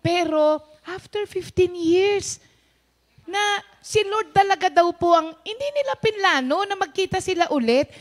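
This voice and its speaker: Woman host, high pitch, storytelling testimony, Taglish, acts out dialogue. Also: expressive, unhurried. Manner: storytelling, mixes English into Tagalog, acts out quoted speech. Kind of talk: personal testimony told to viewers.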